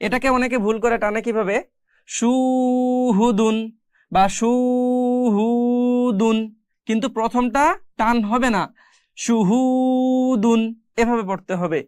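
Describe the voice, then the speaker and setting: A patient Quran reading teacher gives a step-by-step recitation lesson, naming each letter and vowel mark before slowly drawing the word out. The voice sits at a middle pitch and sounds close and dry, with no room around it. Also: smooth, no echo. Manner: spells out letters and vowel marks one by one, then slowly draws out each word; patient, explanatory, addressing viewers directly.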